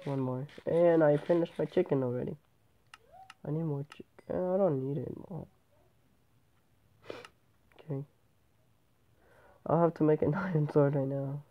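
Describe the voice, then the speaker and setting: Speaking slowly on the high side and pausing often, a male gameplay host rambles through relaxed commentary and keeps correcting himself. He has a cold-stuffed nose, and his tablet microphone sounds tinny and phone-like.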